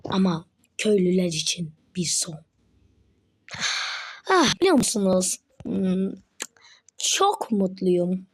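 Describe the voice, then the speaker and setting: A woman hosting a Minecraft let's play, talking to viewers in a playful, mischievous way with drawn-out words. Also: fairly low pitch, slightly rough. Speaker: gaming channel host. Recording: steady background noise.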